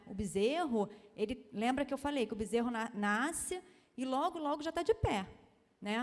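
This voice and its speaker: A Brazilian pediatrician giving a lecture, in a chatty way with many tag questions and quoted voices. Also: female voice, fairly high pitch, long reverb tail. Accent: Brazilian Portuguese. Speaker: pediatrician giving a seminar talk. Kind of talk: lecture talk. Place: university lecture hall.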